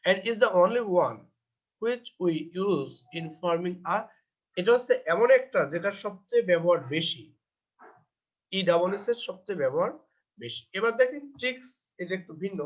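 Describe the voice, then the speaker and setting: A man with a Bangladeshi accent gives a recorded English grammar lecture in a high voice. He reads textbook sentences slowly, then explains them and asks and answers his own questions. The recording is dull and lo-fi. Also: animated.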